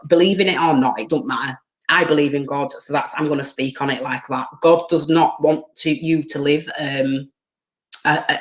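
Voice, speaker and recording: A tarot reader giving a live-streamed reading, rambling, hunting for words and repeating themselves while giving earnest, direct advice to viewers. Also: mid-range voice.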